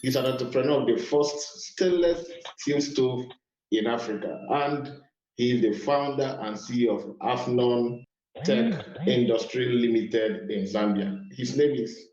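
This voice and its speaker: A male podcast host introduces his guest in a formal, measured way. The sound is somewhat dull and roomy, with noticeable echo around his mid-pitched voice. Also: a little mellow. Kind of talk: interview hosting.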